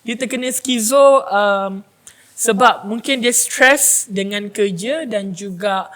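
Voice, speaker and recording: A woman's voice: mid-range voice, takes it slowly. A woman on a podcast panel, telling a personal story in casual chat, acting out the voices of the people in it and slipping into English now and then. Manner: animated storyteller, acts out quoted voices, mixes in English.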